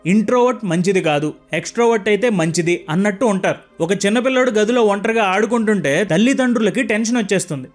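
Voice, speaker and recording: A young man narrating a book summary in an earnest, reflective way, asking calm rhetorical questions. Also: high-pitched, fast, faint music behind. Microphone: close microphone.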